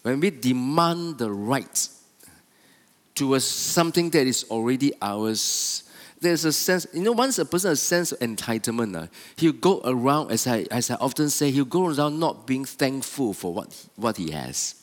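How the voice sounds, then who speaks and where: A man's voice: medium pitch, expressive, moderate pace, long reverb tail. A man preaching a sermon with repetitive, stop-start, emphatic phrasing.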